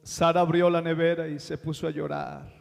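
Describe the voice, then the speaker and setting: A man with a Colombian accent, preaching a sermon with impassioned swings between slow, quiet lines and loud bursts. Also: a little high, little pitch movement, vocal fry. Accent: Colombian Spanish. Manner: impassioned preaching, dramatic slowdowns, sudden rises in volume. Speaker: pastor. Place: large church sanctuary. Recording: long hall reverb with faint music.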